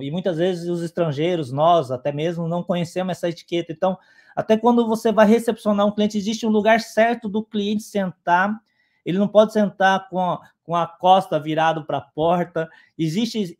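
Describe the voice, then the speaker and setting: High-voiced man explaining with frequent "né?". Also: darkish tone. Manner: peppers sentences with "né?" and restarts. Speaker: guest speaker on a live stream. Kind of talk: explanatory talk.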